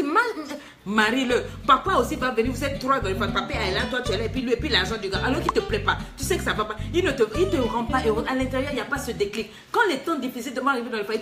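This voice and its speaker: Animated woman life coach, teasing. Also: high-pitched. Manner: animated, teasing, emphatic with rhetorical questions. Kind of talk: live advice talk reading a letter.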